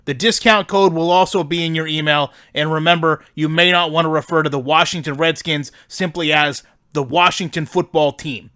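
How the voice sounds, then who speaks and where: A smug corporate executive acted out by a man hosts a staff conference call in a comedy parody. His voice is bright and forceful, set slightly high. He speaks with earnest, measured politeness and firm emphasis. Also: fairly even intonation, clean tone. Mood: politely condescending.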